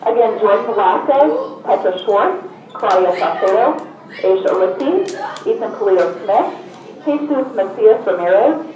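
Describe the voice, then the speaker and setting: Echoey, distant woman giving flat office page. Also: mid-range voice, a little slow. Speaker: school office staff paging students. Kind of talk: office page announcement, reading a list of names. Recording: echoey, distant intercom-like sound, faint noise.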